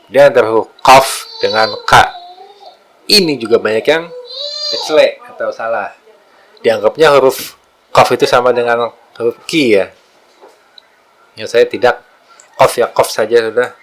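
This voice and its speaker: A man's voice: mid-range voice, lively intonation, moderate pace, long pauses, fairly bright tone, low-quality recording. A man giving a casual lesson on Quran letter pronunciation, demonstrating throat sounds again and again in a humble, self-deprecating way.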